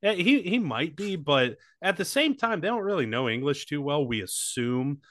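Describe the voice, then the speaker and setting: A man's voice: fairly high pitch, very animated, normal speed, fairly bright tone, dry recording, studio quality. A man co-hosting a comedy podcast, swearing freely and riffing on silly bits in casual banter. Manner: joking, crude, riffs with silly bits. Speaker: podcast co-host.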